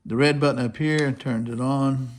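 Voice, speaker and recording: Steady in tone and moving at normal speed, this mid-range male voice belongs to a US radio hobbyist showing off a receiver. He talks through the process step by step in a relaxed, off-the-cuff way. The recording is noisy, with shortwave static and broadcast noise underneath.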